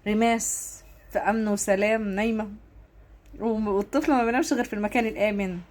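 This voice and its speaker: Fast-talking emotional Egyptian woman. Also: mid-range voice, darkish tone. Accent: Egyptian Arabic. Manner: emotional, fighting back tears, repeats herself. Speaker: online commentator. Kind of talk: emotional casual vlog commentary.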